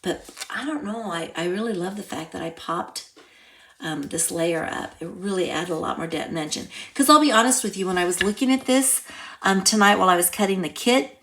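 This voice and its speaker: A woman teaching a casual card-making tutorial, chatty and thinking aloud as she works, sometimes dropping to soft near-whispers while she concentrates. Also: lowish voice, fairly quick. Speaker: craft instructor.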